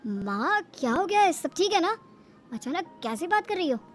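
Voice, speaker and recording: A woman's voice: extremely high pitch, sing-song, normal speed, soft background music. A woman voicing an easygoing young adult son in a cartoon, with a casual, dismissive manner. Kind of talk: cartoon voice acting.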